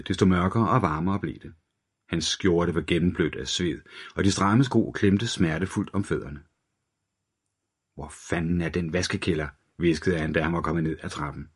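A man narrates a crime thriller audiobook in a very deep voice. His telling is steady and dark, scripted and even. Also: slightly rough.

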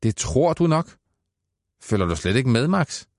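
A man's voice: medium pitch, big pitch swings, a little mellow, dry recording, clean studio sound, pitched above the performer's own voice. A man reading aloud and voicing a stern, reproachful mother who presses her son with questions. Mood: scolding. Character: stern scolding mother, middle-aged woman. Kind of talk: audiobook character voice.

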